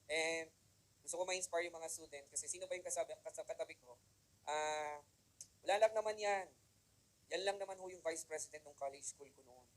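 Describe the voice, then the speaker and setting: A man giving an animated motivational seminar talk to a live audience in a room, mixing Tagalog and English and often checking in with the crowd. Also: sits high, rough recording. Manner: animated, keeps asking the audience "di ba?". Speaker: motivational speaker.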